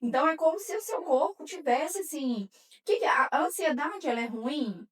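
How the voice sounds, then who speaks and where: A woman's voice: high-pitched, lively intonation, moderate pace, far from the mic. A woman psychologist with a Brazilian Portuguese accent, explaining patiently with everyday examples and many fillers. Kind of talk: explanatory podcast talk.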